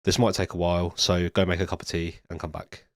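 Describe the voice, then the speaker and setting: A low-pitched man talks through a coding tutorial in steady, step-by-step fashion, now and then stopping on an um. He is ill, so his voice comes out nasal and stuffy. The sound is close and dry, with no room around it. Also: fast talker, dry recording. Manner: steady step-by-step explaining with occasional ums. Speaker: tutorial presenter. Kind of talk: screen-recorded coding tutorial narration. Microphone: studio USB microphone.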